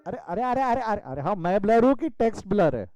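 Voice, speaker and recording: A man from India teaches a commerce class online, his voice pitched high for a man yet mellow and smooth. The sound is close and dry, with no room in it. He mixes into his teaching and teases his students in a fatherly way. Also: sing-song, brisk, no room sound, rough recording. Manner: addresses students as beta, scolds playfully. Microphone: video call.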